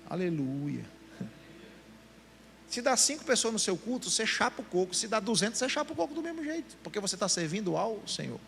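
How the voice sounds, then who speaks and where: A man's voice: sits high, lively intonation, fast, creaky, hardly any pauses, a bit bright, slight background noise. A middle-aged man with a Brazilian Portuguese accent preaching a sermon to a meeting of pastors, acting out the voices he quotes. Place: church meeting.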